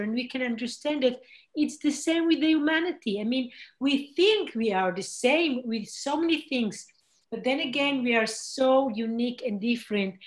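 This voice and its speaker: A woman hosting an online spiritual group, speaking earnestly in non-native English with frequent grammar slips. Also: fairly high pitch. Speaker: host of spiritual group meeting. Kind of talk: casual group talk.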